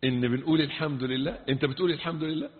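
A man with an Egyptian accent preaching a sermon, emphatic and full of rhetorical questions, moving between forceful and hushed delivery. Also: on the high side, racing. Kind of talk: sermon mixing colloquial and classical Arabic. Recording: tinny, phone-like sound with long hall reverb.

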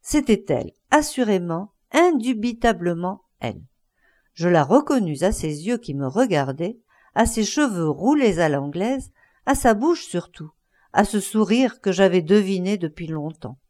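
A woman's voice: mid-range voice, sing-song, unhurried, a little mellow. A woman reading a classic short story aloud as first-person narration for an audiobook. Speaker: audiobook reader.

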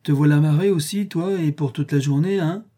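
A man's voice: fairly high pitch, brisk, pitched above the performer's own voice, close to an everyday voice. A man voicing an eager young boy who pretends to be a steamboat, calling out commands and bell sounds in an audiobook reading. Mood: teasing, pleading. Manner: shouted commands and bell noises.

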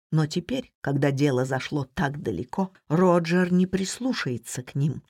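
Woman audiobook narrator, lowish voice, measured expressive read, dry studio sound. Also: no echo. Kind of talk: scripted narration.

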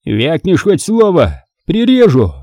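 A man's voice: high voice, very animated, slow, mellow, no room sound, pitched above the performer's own voice, heavily acted. A male reader voicing a brutal male maniac who snarls threats and gloats. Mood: menacing.

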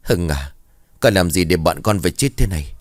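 A man's voice: low voice, animated, moderate pace, a little mellow, dry recording, studio quality. A man voicing a village mother who scolds her son and apologizes to a grieving family. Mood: scolding. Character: stern worried mother of a young man.

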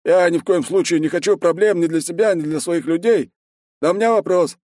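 Cagey village headman, middle-aged warrior, folksy and wheedling, pitched up high, as a male reader puts him on. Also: fairly quick, a little mellow, dry recording, clean studio sound, lightly acted. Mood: wary.

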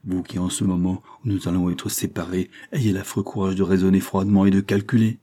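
A man's voice: low voice, level tone, a little fast, mellow. Gaston, a man reading a passionate young nobleman. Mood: despairing. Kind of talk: audiobook reading of a classic novel.

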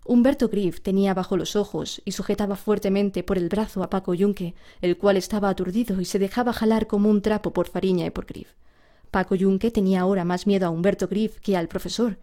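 A woman narrating a storybook aloud in a steady, even storytelling manner. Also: medium pitch, brisk.

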